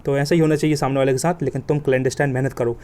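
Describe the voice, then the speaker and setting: Fast-talking vocabulary teacher, man. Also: mid-range voice, fairly even intonation, a little mellow. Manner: colloquial, joking, emphatic with vivid examples. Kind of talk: exam coaching lesson.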